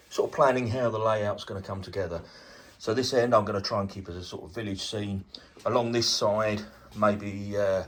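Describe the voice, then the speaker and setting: Low-voiced man rambling through a hobby vlog. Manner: relaxed, rambling, lots of fillers. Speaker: model railway hobbyist host. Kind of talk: casual workshop vlog. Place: indoors at a dining room table layout.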